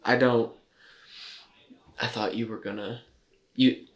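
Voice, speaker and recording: A young podcast co-host talks casually in a medium-pitched, fairly even voice at a slow pace, joking with dry self-mockery. The room is roomy and echoey.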